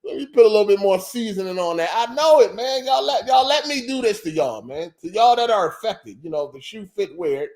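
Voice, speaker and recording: This Philadelphia man hosts a casual podcast livestream, bantering loosely and profanely and repeating himself for effect. His voice sits high and sounds expressive and a little mellow, moving a little fast with few pauses.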